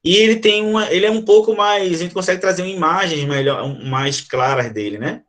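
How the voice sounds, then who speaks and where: A man's voice: sits high, brisk. A Brazilian man teaching a literature class, explaining a sonnet and reading its verses aloud to his students. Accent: Brazilian Portuguese. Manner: animated, addresses students directly, reads verses aloud. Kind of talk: online class explaining a poem.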